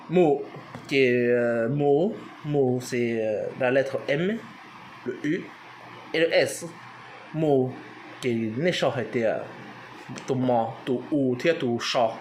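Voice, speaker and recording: A man's voice: mid-range voice, takes it slowly, a little hiss or hum. A man giving an informal language lesson, hesitant with many fillers, spelling words out letter by letter. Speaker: language teacher.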